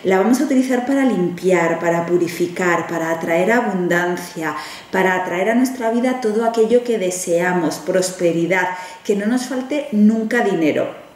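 A woman's voice: on the low side, normal speed, distant mic. A woman from Spain with a Spanish accent, standing at a table and demonstrating a ritual in a chatty tutorial, often checking in with her viewers. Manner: chatty, frequent "¿vale?" check-ins, animated hand gestures. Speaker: witch teaching rituals. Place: room indoors, standing at a table. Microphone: camera at a distance. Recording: echoey room, voice from off-mic.

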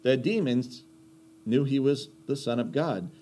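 A man's voice: mid-range voice, expressive, measured pace, mellow. A man teaching a Bible lesson in a conversational sermon style, emphatic, asking rhetorical questions and repeating key phrases.

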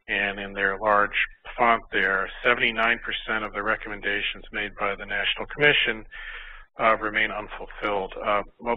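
Older man lecturing, tinny phone-like sound. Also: fairly low pitch. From Miami, Florida. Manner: hesitant, many fillers and restarts. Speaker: pediatrician lecturer. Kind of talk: conference lecture with slides. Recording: tinny phone-like recording, faint noise.

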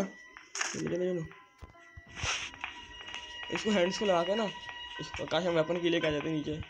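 A man commentating live gameplay, urgently repeating commands to his partner. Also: sits high. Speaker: gamer playing with a partner. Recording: dull lo-fi audio over game music.

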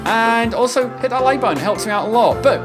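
With trailer music playing in the background of his indoor home setup, a reaction-video host in his thirties exclaims and repeats himself as he watches. His voice is very high, expressive and fairly quick.

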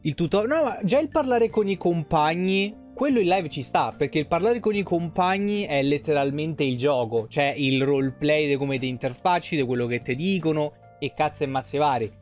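A young adult man streaming a video game chats casually, rambling and swearing, in a fairly high, darkish voice at a moderate pace with few pauses. He sits at a streaming desk in a small indoor room, recorded close up on a desk microphone with a headset, and soft music plays in the background.

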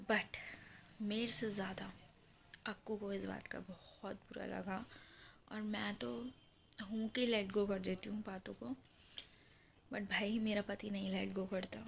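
A woman's voice: medium pitch, gravelly, a little hiss or hum. A young woman from Delhi talking to viewers in a casual home vlog, chatty and earnest, holding her phone at arm's length. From Delhi, India. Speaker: vlogger. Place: indoors at home, face close to a handheld camera. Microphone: phone held at arm's length.

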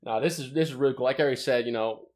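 A man from Long Island, co-hosting a casual interview from a pool house, friendly and quick to laugh. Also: medium pitch, darkish tone. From Long Island, New York. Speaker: co-host.

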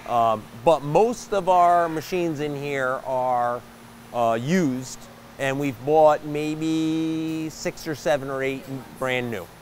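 A man's voice: on the high side, slow pace, slight background noise. Plain-spoken man touring his machine shop. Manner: plain-spoken, explanatory, with frequent fillers. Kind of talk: guided shop tour. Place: large bright machine shop floor, indoors.

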